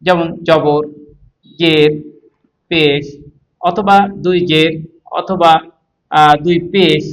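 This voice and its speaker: A man teaching Quran recitation in a class, explaining step by step and spelling out letters and vowel marks slowly. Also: sits high, rough recording. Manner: explains step by step, asks the class and answers himself. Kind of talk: classroom lesson on tajweed.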